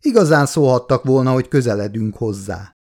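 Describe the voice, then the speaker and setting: A man's voice: medium pitch, lively intonation, darkish tone, natural voice. A man doing a jittery middle-aged engineer. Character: nervous middle-aged male chemical engineer, awkward father. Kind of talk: audiobook character voice.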